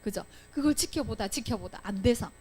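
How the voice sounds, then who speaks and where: A woman's voice: fairly high pitch, fairly quick, husky. A young woman teaching a Sunday school Bible lesson to children, telling the story with acted-out lines and frequent questions to the class. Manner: animated storytelling, acting out quoted lines, asking children questions. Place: church classroom.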